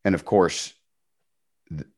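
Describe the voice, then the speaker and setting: A middle-aged man, a podcast guest, telling his faith story in an earnest, animated way with emphatic bursts. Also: takes it slowly. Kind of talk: storytelling testimony.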